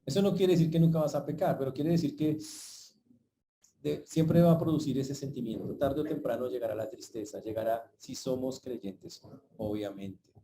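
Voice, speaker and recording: A man preaching a sermon to his congregation as pastor, often stopping to check in with a quick "¿ok?". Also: medium pitch, mellow, poor audio.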